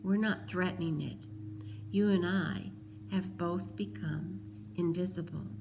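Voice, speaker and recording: A woman's voice: mid-range voice, slow, noisy background, close to an everyday voice. A woman reading aloud voices a remorseful teenage boy who pleads earnestly. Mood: whispering. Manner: pleading, earnest, then whispering.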